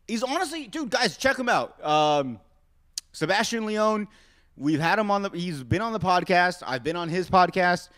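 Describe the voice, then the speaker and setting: A man from Arizona hosts a solo podcast, rambling through self-mocking rants directed right at his listeners. His voice sits high, with lively intonation, a moderate pace, and a slightly bright tone.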